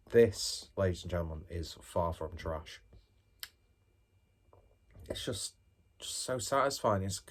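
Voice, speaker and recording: A man's voice: low-pitched, a little mellow, husky. A man giving a casual tasting review to viewers, musing aloud with chatty, self-deprecating asides. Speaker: beer reviewer, host.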